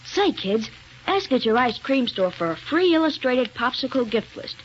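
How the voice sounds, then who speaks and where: A man's voice: extremely high pitch, very animated, moderate pace. A man playing a cheerful, eager American boy mascot in an old radio commercial, chirpy and exclamatory. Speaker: commercial spokesman character. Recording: dull old radio recording with hiss.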